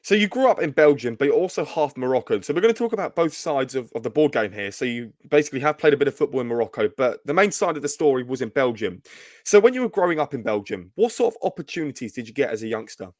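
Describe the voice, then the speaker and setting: A man hosting an interview talks quickly and asks long, winding questions. His voice sits at a middle pitch. The sound is dry and close. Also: big pitch swings, no echo. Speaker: interviewer host.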